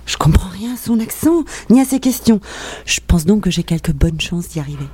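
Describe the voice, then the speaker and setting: A woman playing a flippant young job applicant in a scripted radio comedy sketch, breezy and deadpan. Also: lowish voice, fairly quick, husky.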